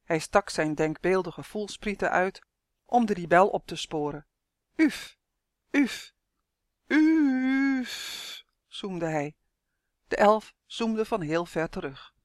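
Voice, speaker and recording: A reader narrating a children's storybook in a calm, even storytelling manner. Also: medium pitch, unhurried, no room sound, clean studio sound. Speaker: audiobook reader.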